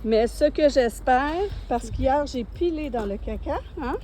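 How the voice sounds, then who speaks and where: A woman with a Quebec French accent, chatting casually and slowly with light humor while walking a rural trail, filmed on a handheld phone. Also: high voice, warm tone, slight background noise. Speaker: vlogger on a pilgrimage walk.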